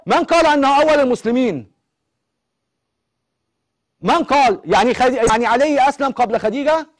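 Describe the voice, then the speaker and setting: A man's voice: very high voice, expressive, a little fast. A male TV host with an Egyptian accent who keeps pressing a caller with insistent questions on a live call-in show. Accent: Egyptian Arabic.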